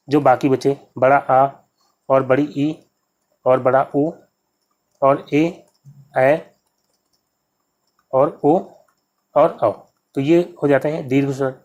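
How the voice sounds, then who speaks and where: A man's voice: medium pitch, fairly even intonation, takes it slowly, pauses often, darkish tone. A man teaching exam questions, walking through each answer step by step and often repeating key words to his viewers. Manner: repetitive, addresses viewers as friends. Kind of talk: explaining quiz answers.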